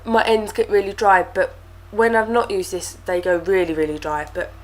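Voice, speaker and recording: Speaking at normal speed with a steady, mid-range voice, a young woman casually reviews beauty products to camera. She sounds stuffy from a cold, and as a chatty vlogger she uses lots of fillers and repeated words.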